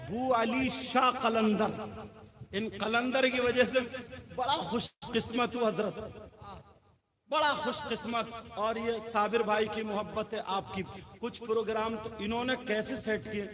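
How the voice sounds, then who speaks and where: A man preaching a sermon, speaking directly to the gathering and putting questions to them. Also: high-pitched. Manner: direct, chatty questions to the crowd. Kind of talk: sermon, talking to the audience. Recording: echoey hall with crowd.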